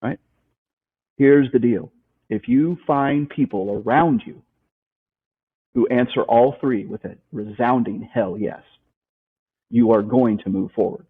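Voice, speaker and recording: A husky man of medium pitch speaks slowly and pauses often, heard on a tinny, phone-quality line. In this interview he appears as a life coach, motivational and emphatic, circling back to his key points and asking rhetorical questions.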